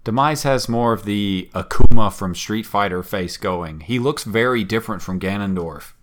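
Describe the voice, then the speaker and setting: A man co-hosting a casual podcast chat, animated, swearing casually and musing at length. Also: fairly low pitch, normal speed. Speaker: podcast co-host.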